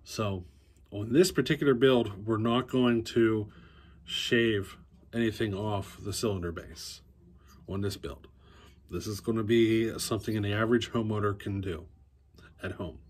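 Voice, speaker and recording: Husky, a little mellow, and on the low side, a forties man's voice moves a little slowly as he teaches chainsaw work in a basement workshop. He talks easily to a close phone camera in casual how-to style, thinking aloud with fillers and restarts.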